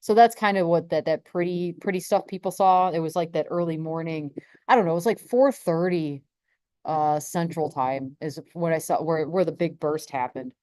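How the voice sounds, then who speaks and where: A woman's voice: deep voice, normal speed, mellow, no echo. A woman hosting a casual live stream about space weather, rambling with many restarts and laughs.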